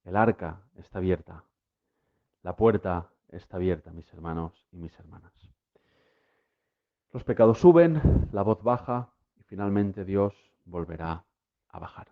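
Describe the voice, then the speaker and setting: A man's voice: low-pitched, moderate pace. A man preaching a sermon to listeners at home, emphatic, with repeated refrains that build to impassioned peaks. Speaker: lay preacher. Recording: tinny phone-like sound.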